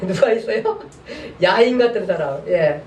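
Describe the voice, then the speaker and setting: A man's voice: sits high, expressive, a little slow, a little mellow, a little hiss or hum. A male pastor teaching a Bible class in a chatty, colloquial way, often putting questions to his students. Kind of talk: casual Bible class lecture. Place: church classroom. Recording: echoey room, mic far off.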